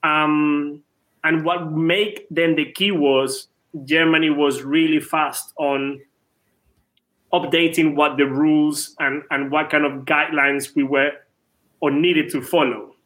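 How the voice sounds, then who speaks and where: Tennis club co-owner, male, late 30s, from Venezuela, ringing upper voice, quick with restarts. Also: a little high, steady tone, fairly bright tone. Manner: quick, repeats words at starts. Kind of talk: casual interview.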